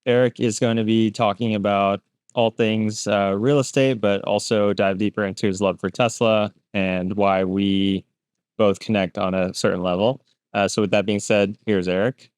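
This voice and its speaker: A man with a lowish, smooth and clear voice hosts a podcast, keeping an even, level tone. He speaks close to the mic in a dry space, friendly and plain as he introduces his guest. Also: normal speed, no echo. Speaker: podcast host. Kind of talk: podcast interview hosting.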